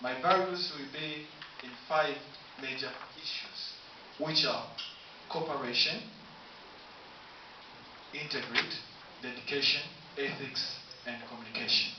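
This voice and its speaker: A man from Tanzania stands in a university room and delivers a formal campaign speech for student council, laying out his points one by one with slow pauses. The camera picks him up from a distance, so his voice rings through heavy room echo. The sound is dull and carries a steady hiss. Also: mid-range voice. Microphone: camera from afar, no mic.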